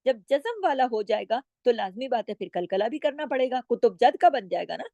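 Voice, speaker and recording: Lady teacher going over recitation rules, kinda high voice, stretches words out slow, dry close sound. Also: lively intonation, mellow, no room sound, dull audio. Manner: patient, explanatory, checks in with "okay?"; draws out words slowly when demonstrating. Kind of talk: recitation lesson with slow demonstrations.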